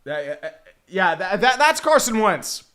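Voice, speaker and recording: Here the same kind of football fan streamer speaks at a measured pace, his high, sing-song voice pushed and bright. He calls plays in loose, profane live commentary, rambling and restarting in exasperation.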